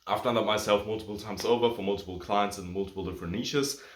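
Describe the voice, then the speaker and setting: Breathless man, German native speaker, with a deep voice, casual advice vlog, loose and rambling delivery, roomy echo. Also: steady tone, quick pace. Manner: rambling, lots of "like" and self-corrections. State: a bit out of breath. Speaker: agency coach. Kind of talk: casual talking-head advice video.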